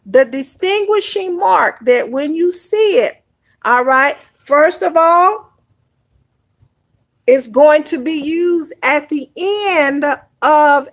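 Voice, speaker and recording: A woman teaching an online Hebrew lesson, explaining step by step and often checking in with "all right?". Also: sits high.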